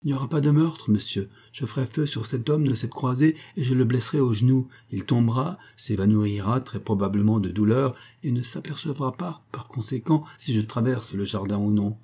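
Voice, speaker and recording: A desperate young man cornered by his past, as a man reads him, intense and accusing, pressing each point with urgency. The tone is dark and a little husky. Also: mid-range voice, normal speed, hardly any pauses. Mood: urgent.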